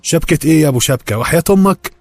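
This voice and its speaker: A man voicing a furious Egyptian housewife who shrieks and curses in a husky voice. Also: lowish voice, quick pace, a little mellow, dry recording, soft background music. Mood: furious shrill. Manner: shrieking, cursing, indignant. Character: shrill furious Egyptian housewife, middle-aged.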